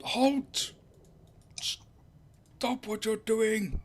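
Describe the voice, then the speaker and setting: A commanding adventurer bellows an order in a magically amplified, booming voice, as a man puts him on. The shout jumps far above his usual pitch and rings out loud and forceful, as if thrown from a distance. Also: fairly even intonation, very slow, full character voice. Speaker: tabletop game player.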